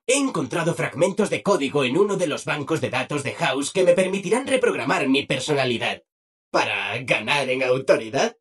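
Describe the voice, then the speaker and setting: A man's voice: on the high side, fairly bright tone, breathy edge, exaggerated voice. A man with a Castilian Spanish accent voicing a relentlessly cheerful, servile robot in a video game, with an exaggeratedly upbeat, fawning manner. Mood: upbeat, confiding.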